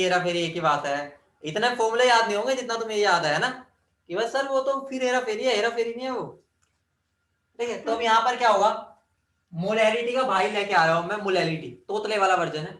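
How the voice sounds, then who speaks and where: A high-voiced man lectures on chemistry, firing questions at his class and joking as he works through formulas. He sounds set back from the mic, and the room rings with echo. His delivery stays a classroom lecture throughout. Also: fairly bright tone. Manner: drills formulas, quizzes students, jokes. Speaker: chemistry teacher. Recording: echoey room, mic at a distance.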